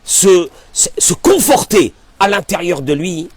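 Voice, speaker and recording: A rabbi giving a Torah class in an emphatic, animated way, full of rhetorical questions. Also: male voice, sits high, unhurried, husky, dry recording.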